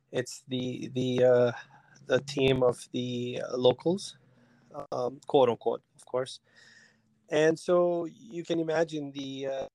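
A man in his forties from Albania, a soccer technical director, telling his story in a relaxed interview with plenty of ums and restarts. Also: medium pitch, dry recording, low-quality recording. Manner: hesitant, many ums and restarts. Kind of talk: casual interview talk.

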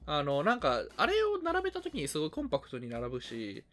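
A man co-hosting a podcast in casual chat. He is emphatic and animated, and he exaggerates for effect. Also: a little high, quick pace, soft background music. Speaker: podcast co-host. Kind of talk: casual chat between friends. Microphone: remote recording.

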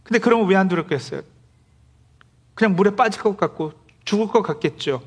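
A man with a high voice delivers a sermon in a plain, conversational way. He is middle-aged and preaches as a pastor to his congregation, slipping into acted-out complaints from the people he describes. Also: a little fast, breathy edge.

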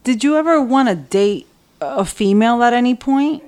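A woman's voice: a little high, lively intonation, normal speed, a little mellow. A woman hosting a podcast interview, introducing the subject and putting questions to a guest. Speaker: podcast host.

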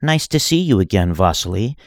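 A man voicing a teasing female dark lord in a story reading, smooth and mocking. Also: fairly low pitch, very animated, a little fast, no echo, clean studio sound.

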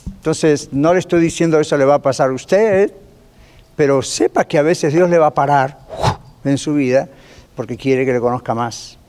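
A man teaching a Bible class as pastor, lively and conversational, putting rhetorical questions to his listeners. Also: fairly high pitch, moderate pace. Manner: lively, asks the class rhetorical questions, drops in English phrases. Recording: long reverb of a church hall.

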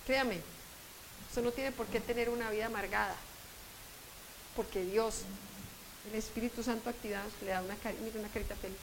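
A woman's voice: fairly high pitch, fairly even intonation, fairly quick, long pauses, background noise. A woman preaching a sermon at a conference, emphatic and conversational, speaking straight to her listeners. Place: conference hall.

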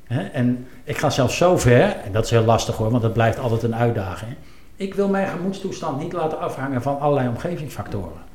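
A man's voice: medium pitch, lively intonation, brisk, darkish tone. Hesitant, reflective man in a roomy space. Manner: thoughtful, hesitant, full of fillers and self-questions. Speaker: former football club executive, guest. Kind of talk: reflective conversation. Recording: roomy with faint ambience.

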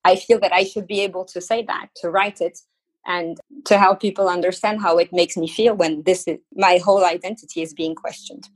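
A woman from France, head of a think tank office, speaking in an earnest, measured way on a panel discussion. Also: lowish voice, fairly even intonation, slightly rough, poor audio.

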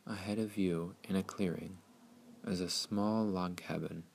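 A man narrating a scripted guided meditation in a soothing, hushed, unhurried way with long pauses. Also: low voice, fairly even intonation, vocal fry.

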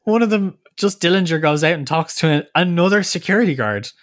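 A man's voice: a little high, expressive, fairly quick. A man co-hosting a podcast in casual chat, laughing, exasperated, and swearing now and then. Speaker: podcast co-host.

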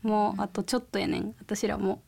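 A young woman from Kansai with a Kansai accent, chatting casually with classmates in a recording booth, laughing often and agreeing in quick bursts. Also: medium pitch, fairly even intonation, vocal fry, a crowd in the background. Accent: Kansai Japanese. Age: young adult. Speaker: student scriptwriter leading the chat. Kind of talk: casual chat.

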